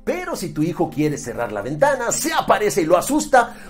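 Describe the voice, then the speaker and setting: A man's voice: high-pitched, wildly swooping pitch, fairly quick, soft background music. A man with a Mexican accent giving a mocking, exasperated movie review, swearing freely. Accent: Mexican Spanish. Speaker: film critic. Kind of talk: sarcastic movie review rant.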